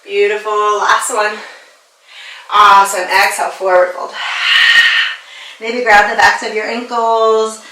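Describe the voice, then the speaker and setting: A woman's voice: mid-range voice, flat delivery, unhurried, pauses often, background noise. A woman leading a yoga class as instructor and personal trainer, upbeat and playful, laughing often and a little out of breath as she moves with the class. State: slightly out of breath from exercising. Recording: echoey room, voice a bit far from the mic.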